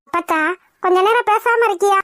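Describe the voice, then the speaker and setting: A woman's voice: extremely high pitch, brisk, fairly bright tone, dry recording, clean studio sound. A woman voicing an impatient young village daughter in a cartoon. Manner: impatient, exasperated. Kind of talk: cartoon voice acting.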